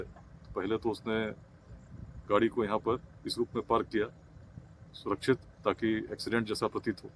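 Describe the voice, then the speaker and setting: A man in a police role giving a measured, formal press briefing outdoors at a crime scene. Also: lowish voice, a little hiss or hum. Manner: measured, formal, official wording.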